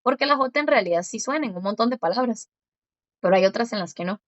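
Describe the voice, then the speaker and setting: A woman's voice: a little high, lively intonation, no echo. Female tutor, patient explainer, dull dry recording. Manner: patient, explains step by step and repeats words slowly. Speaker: Korean language teacher. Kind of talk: one-on-one language lesson.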